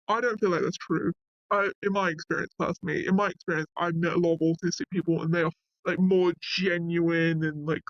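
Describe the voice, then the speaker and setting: A man's voice: high voice, no echo, muffled recording. A man reading a wiki article aloud and breaking off into casual asides, often saying "like". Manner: reads passages, then breaks off into offhand asides with frequent "like".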